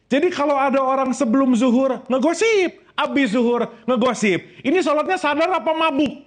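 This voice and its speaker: A man preaching a lively sermon to a live audience, joking and quizzing them with questions. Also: very high-pitched, fairly quick. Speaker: Islamic preacher.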